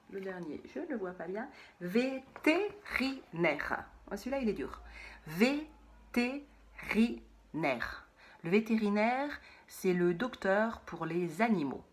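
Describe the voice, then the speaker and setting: A woman teaching a phonics lesson to young children, saying words slowly and repeating them, sometimes in a whisper. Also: medium pitch, expressive, a little mellow.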